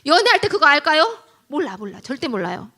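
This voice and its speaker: A middle-aged woman giving a lively church lecture on family life, telling stories and asking the audience questions. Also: high-pitched, quick pace. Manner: animated storytelling, asks audience questions.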